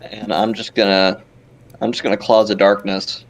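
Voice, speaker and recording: A man's voice: on the low side, level tone, normal speed, creaky, a little hiss or hum. A man playing a tabletop role-playing game, dropping joking, teasing asides. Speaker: player. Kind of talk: casual tabletop game chat.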